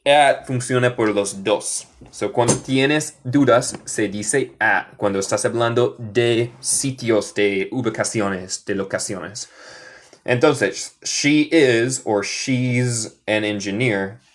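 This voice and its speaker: A man from Michigan teaching English in Spanish on a live stream, drilling phrases slowly and mixing both languages. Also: mid-range voice. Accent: American English speaking Spanish. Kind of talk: live online English lesson for Spanish speakers.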